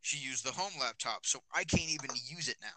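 Bright-voiced teen guy rambling. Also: medium pitch, lively intonation, fairly quick, rough recording. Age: teens. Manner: rambling, many fillers. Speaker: podcast host. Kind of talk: casual chat. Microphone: phone.

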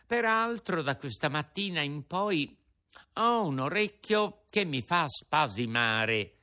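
A man's voice: a little high, expressive, slow pace, sharp tone, exaggerated voice. A man voicing a mischievous wooden puppet boy in a storybook reading, with a sweet, fluting voice. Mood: wheedling. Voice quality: sugary, fluting.

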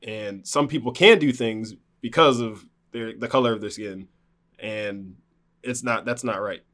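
A man's voice: on the low side, unhurried, a bit bright. A man recounting a personal story in casual conversation, rambling with many fillers and restarts. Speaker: guest telling a personal story.

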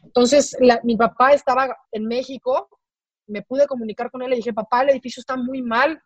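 A woman's voice: high voice, steady tone, no echo. Emotional Mexican woman telling her story. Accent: Mexican Spanish. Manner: halting, repeats words, voice breaking with emotion. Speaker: interview guest. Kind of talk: emotional personal account. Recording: dry, slightly dull recording.

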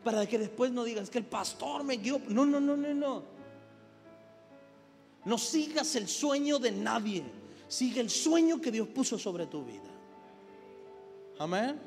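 A man's voice: extremely high pitch, lively intonation, measured pace, pauses often, in a large hall, faint music behind. A male pastor preaching a sermon, calling out "amén" as he builds his points. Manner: preaching with rising intensity and repeated "amén".

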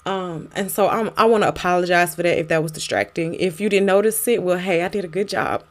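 A woman's voice: lowish voice, brisk. A woman hosting a casual, encouraging faith podcast, with a smoke alarm beeping in the background. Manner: encouraging, exhortative. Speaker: podcast host.

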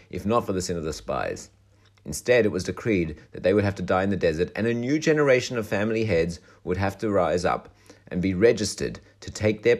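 A rabbi with a hoarse, croaky voice delivers a calm, explanatory Torah lesson. His voice sits very low, yet his pitch rises and falls in a lively way as he makes his points. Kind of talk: recorded weekly Torah lesson.

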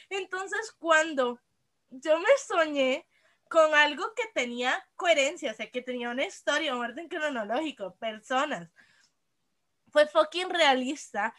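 A woman with a Costa Rican accent recounting dreams in casual chat, animated and swearing freely, slipping into English. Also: high voice. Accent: Costa Rican Spanish.

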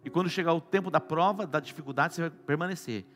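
Brazilian preacher man with a bright voice. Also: a little high, quick pace, faint music behind. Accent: Brazilian Portuguese. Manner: swings between loud exclamations and soft hushed lines. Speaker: apostle preaching. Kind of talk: sermon.

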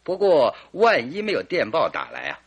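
In a radio drama, a male actor voices a composed, confident detective who teases with amusement. His husky, slightly high voice swings hugely in pitch, and the heavily acted delivery is deliberate and commanding.

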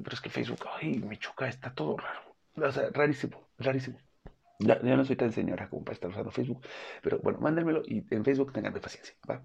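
A man's voice: mid-range voice, creaky, a little mellow, muffled recording, slight background noise. A young Mexican man casually giving pet-care advice on his vlog, chatty and playful, acting out owners' voices.

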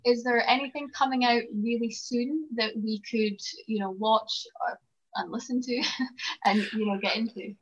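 A woman's voice: on the high side, steady tone, normal speed, slightly rough. A woman with a Scottish accent hosting a podcast interview, chatty and encouraging, with lots of fillers. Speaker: podcast host. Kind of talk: casual interview chat. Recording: slightly dull lo-fi sound.

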